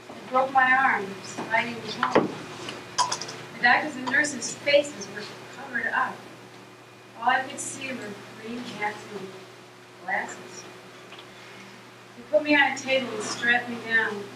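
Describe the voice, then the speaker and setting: A woman playing a melancholy poet-heroine, declaiming theatrical monologues with deliberate phrasing. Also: on the high side, close to an everyday voice. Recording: echoey, noisy, distant room recording.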